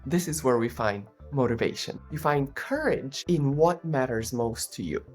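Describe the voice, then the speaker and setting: A woman's voice: very deep voice, lively intonation, moderate pace, slightly rough, soft background music. A middle-aged woman from Bulgaria, a former Olympian and executive coach, telling her life story as a podcast guest in an earnest, reflective way. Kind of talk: interview storytelling.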